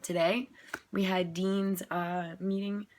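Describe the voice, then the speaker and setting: A woman's voice: lowish voice, flat delivery, slow, darkish tone. A woman who is sick and coughing, chatting casually to camera about her tiring day and acting out what people said to her. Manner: tired and frank, acting out quoted exchanges. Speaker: parent sharing a video diary. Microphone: phone or webcam recording.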